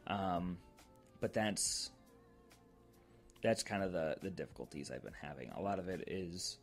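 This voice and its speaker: A man's voice: deep voice, expressive, a little slow, soft background music. A man hosting his own podcast, giving a casual, rambling update with many ums and restarts. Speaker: podcast host.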